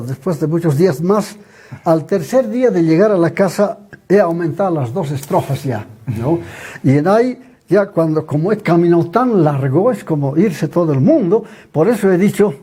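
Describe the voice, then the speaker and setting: An older man from Bolivia giving an emotional personal testimony as an interview guest, calling his listeners brothers, with a husky voice. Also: high-pitched, animated, normal speed, dark tone. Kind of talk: personal storytelling.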